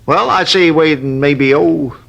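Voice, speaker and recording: A muffled recording captures an actor voicing a grumbling, easily sidetracked robbery witness who rambles through his account, 1950s radio-drama fashion. The man's fairly high voice is creaky with a fairly bright tone, and he speaks a little slowly.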